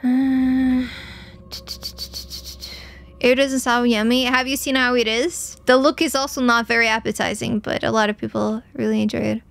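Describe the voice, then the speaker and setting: A young woman from Portugal offers casual commentary while streaming a game, speaking at a moderate pace in a slightly high, fairly bright voice with vocal fry and fairly even intonation. She jokes with her viewers and answers their messages with pretend anger.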